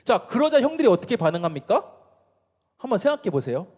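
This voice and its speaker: A man's voice: high-pitched, big pitch swings, fast, a little mellow. A man preaching a sermon to teenagers as a youth pastor, casual and playful, often quizzing his listeners and acting out what people say. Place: church worship hall. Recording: long church hall reverb.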